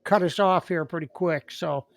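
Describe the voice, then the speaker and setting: A man co-hosting a podcast, speaking in a hesitant, halting way. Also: fairly high pitch, creaky, no echo. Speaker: podcast co-host. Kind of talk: casual conversation.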